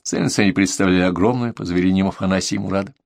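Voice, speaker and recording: A man narrating an adventure audiobook in an expressive, storytelling manner. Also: deep voice, very fast, gravelly, no room sound, studio quality. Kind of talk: scripted narration.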